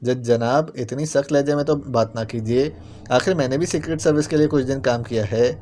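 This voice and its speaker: A man's voice: mid-range voice, dark tone, lightly acted. A man voicing a playful young male spy who talks in a mock-pitiful, whining way. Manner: whiny, mock-pitiful clowning.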